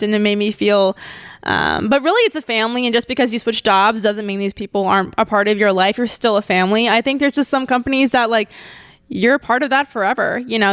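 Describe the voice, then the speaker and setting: A woman's voice: on the high side, a bit bright, clear, resonant tone, no room sound, clean studio sound. A woman in her twenties hosting a solo podcast, chatting casually and emotionally with frequent laughs. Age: 20s. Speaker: podcast host.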